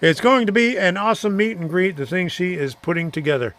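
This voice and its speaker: Here the Florida live-stream host, a middle-aged man, talks fairly quickly in a high voice with a fairly bright tone. He responds to viewer comments in loose, rambling chat, chuckling here and there.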